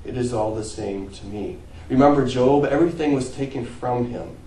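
Male pastor, mellow tone, earnest sermon delivery, recorded from a distance in an echoey church. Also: medium pitch, moderate pace, slight background noise. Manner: earnest preaching, rising to emphatic peaks and dropping to quiet phrase ends. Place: church sanctuary.

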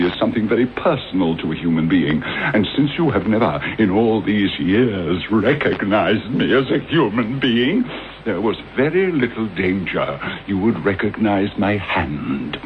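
A male actor plays a vengeful middle-aged English gentleman doctor in an old radio play. His lowish voice is sardonic and theatrical, savouring every grievance with articulate precision. The recording is dull, with some noise. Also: lively intonation, normal speed, lightly acted. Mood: smug, scornful. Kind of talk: 1980s British radio drama acting. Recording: dull, noisy old radio broadcast copy.

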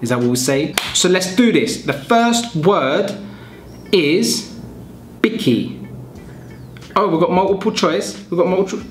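A man talks in an unhurried, chatty way, teasing himself as he thinks out loud. His voice sits at a middle pitch. The room has noticeable echo, with faint music underneath. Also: lively intonation. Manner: chatty, self-mocking, muses aloud. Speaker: vlogger. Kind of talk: casual vlog chat. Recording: echoey room.

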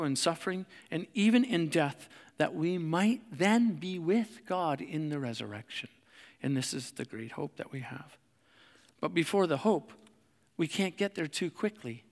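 A man preaching a sermon in a conversational way, with fillers and restarts, and slowing softly on reflective lines. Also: on the high side, big-room sound. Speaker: pastor. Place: church sanctuary.

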